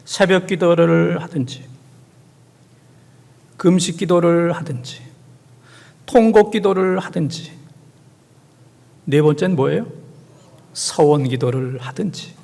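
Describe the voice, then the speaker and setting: A middle-aged male senior pastor preaching a Sunday sermon, swinging from soft near-whispers to loud, urgent exhortation and scolding his congregation directly. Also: a little high, takes it slowly, creaky, long pauses. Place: large church sanctuary. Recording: church hall reverb.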